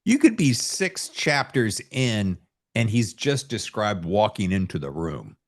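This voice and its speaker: Rambling through his stories with a salty tongue, a middle-aged podcast host chats casually. His lowish voice is sing-song and a little slow.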